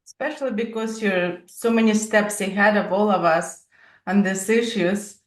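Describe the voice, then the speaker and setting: A woman's voice: medium pitch, normal speed, distant mic. A woman hosting an interview, asking curious, friendly questions. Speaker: podcast host. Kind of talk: interview conversation. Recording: roomy echo, a bit off-mic.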